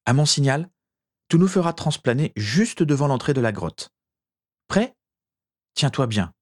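A man's voice: medium pitch, very animated, slow, darkish tone, voice pushed up. A man voicing a determined young male wizard who gives firm, authoritative orders. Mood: commanding.

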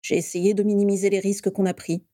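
A woman voicing a sensible teenage boy wizard, close to her own voice and calm throughout. He speaks in a measured, dry manner with a mellow tone. The recording is dry and close. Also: medium pitch, no echo, natural voice.

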